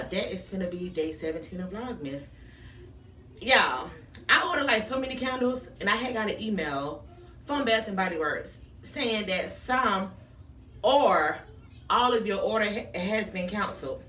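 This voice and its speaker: A young American woman vlogging in an echoey bathroom, a little way from the camera. Her raspy voice is bright and swings widely in pitch. She talks casually and emphatically, repeating phrases for effect. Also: distant mic. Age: young adult. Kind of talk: casual animated vlog chat to viewers. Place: small tiled bathroom. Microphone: camera a few feet away. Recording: echoey room, away from mic.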